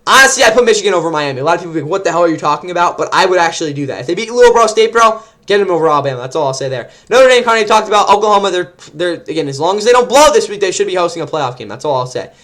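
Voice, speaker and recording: A young man, rambling excitedly through casual sports predictions as host, often correcting himself mid-sentence. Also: high-pitched, rapid-fire, hardly any pauses.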